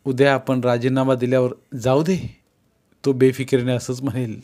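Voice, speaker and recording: This audiobook narrator reads a novel aloud in a steady storytelling manner. His voice sits at a medium pitch, and the scripted narration moves at a moderate pace.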